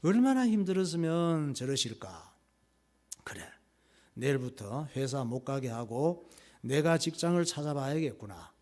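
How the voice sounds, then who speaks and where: A man voicing a gentle wife who tenderly reassures her stressed husband. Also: a little high, very animated, measured pace.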